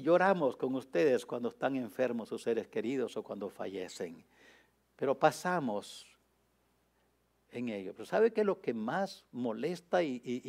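A man preaching a sermon as a pastor, swinging from quiet, confiding asides to loud, impassioned climaxes, speaking to radio listeners. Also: mid-range voice, gravelly. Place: radio broadcast.

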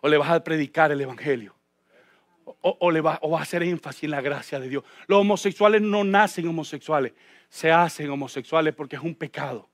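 A male pastor delivering a sermon in church, addressing the congregation with rhetorical questions and swinging between hushed low passages and shouted high points. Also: a little fast, dry recording, studio quality.

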